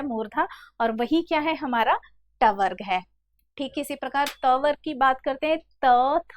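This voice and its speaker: A woman teaching a grammar lesson, explaining step by step, slowly sounding out letters one by one and calling her students "beta". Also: sits high, no echo, clean studio sound. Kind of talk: classroom lesson.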